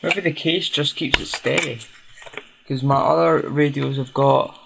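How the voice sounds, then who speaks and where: A hobbyist restorer hosting a video offers casual, unscripted commentary as he tinkers, thinking aloud hesitantly. His voice is medium-pitched, steady, gravelly, and a little slow, in a noisy home recording with clicks.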